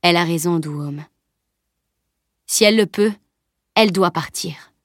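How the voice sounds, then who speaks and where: A woman reading the part of a grave older male leader in an audiobook, slow and solemn. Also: on the low side, no room sound, studio quality.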